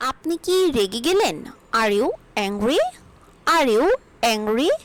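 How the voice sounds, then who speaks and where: Lively, very slow-speaking woman teacher. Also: fairly high pitch, low-quality recording. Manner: reads each English sentence slowly and carefully, twice over. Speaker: English teacher. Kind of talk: spoken English lesson, reading sentences aloud.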